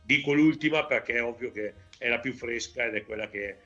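A man in his fifties from Veneto, a football coach answering interview questions in a measured way, with frequent hesitations and restarts. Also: medium pitch, bright, forceful tone, dull audio, soft background music. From Veneto, Italy. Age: 50s.

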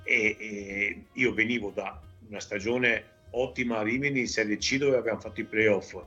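Husky Italian coach, bright lo-fi sound. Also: male voice, fairly low pitch, fairly even intonation, soft background music. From Veneto, Italy. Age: 50s. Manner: measured, hesitant with many fillers and restarts. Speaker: football coach, guest. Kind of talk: interview.

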